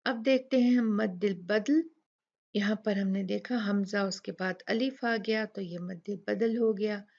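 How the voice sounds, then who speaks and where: Slow, patient woman teaching recitation. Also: medium pitch, gravelly, a little mellow. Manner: patient, repeats words slowly and asks rhetorical questions. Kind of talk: slow explanatory lesson with recited examples. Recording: dull lo-fi recording.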